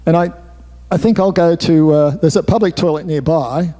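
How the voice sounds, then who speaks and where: In a hall with roomy reverb, an author gives a talk alongside his slides, telling a candid, rambling story full of asides. His voice is a little high and warm, at a moderate pace.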